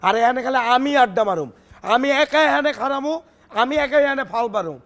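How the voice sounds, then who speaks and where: Comedy sketch, a man as a very high-voiced, fast-talking gym bro who throws threats. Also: lively intonation, fairly bright tone, full character voice. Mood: threatening. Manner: swaggering, threatening. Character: cocky young male gym bodybuilder, hotheaded.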